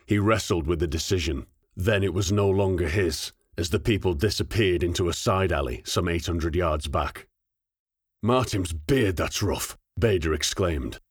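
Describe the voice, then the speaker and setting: A man narrating a war novel as an audiobook in steady, measured scripted narration. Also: low voice, husky, dry recording, studio quality.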